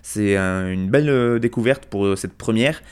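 Casting: male radio host, lowish voice, loose rambling delivery. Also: moderate pace, a little mellow, clean tone. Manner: rambling, many fillers and restarts. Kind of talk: casual radio presenting.

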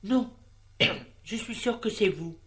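A woman's voice: mid-range voice, lively intonation, takes it slowly, fairly bright tone, breathy edge, voice pushed up, exaggerated voice. A woman reading a story, voicing a naive young man who talks hesitantly and sounds flustered.

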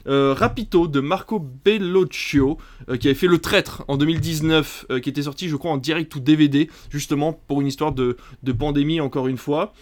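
A man's voice: on the high side, fairly quick, hardly any pauses. A man hosting a casual film podcast, reading a long list of titles with many hesitant fillers. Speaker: podcast host.

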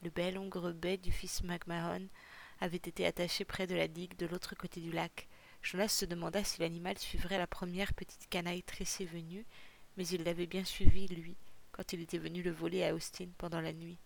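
Audiobook narrator, gravelly, steady and even, reads fiction aloud. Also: mid-range voice. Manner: measured, even storytelling. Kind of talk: audiobook reading.

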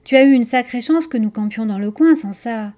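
A woman voicing a friendly young boy in a storybook reading, talking eagerly and asking quick questions. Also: on the high side, mellow, natural voice.

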